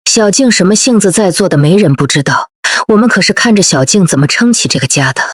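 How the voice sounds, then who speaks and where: A woman's voice: medium pitch, animated, quick pace, husky, no room sound. A woman voicing an outspoken middle-aged aunt who challenges the mother skeptically, in a dry recording.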